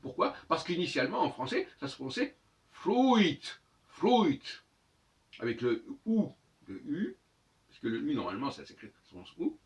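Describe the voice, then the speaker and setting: A man's voice: mid-range voice, huge pitch swings, a little fast. A man giving a spoken monologue lesson, teaching by repeating words over and over to sound them out. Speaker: lecturer on language and astrology. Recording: dull audio from a distant mic.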